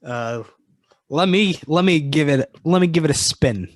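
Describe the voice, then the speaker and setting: A man's voice: on the high side, lively intonation, a little slow, dry recording, clean studio sound. A man co-hosting a podcast in casual chat, hesitant, with many fillers. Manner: hesitant, lots of likes and ums. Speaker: podcast co-host.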